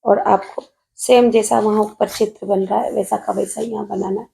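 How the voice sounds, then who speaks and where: A woman's voice: medium pitch, little pitch movement, normal speed, gravelly, warm tone, a little hiss or hum. A woman math teacher with a Rajasthani Hindi accent, patiently solving an exam paper on video while writing at a desk and calling her students "beta".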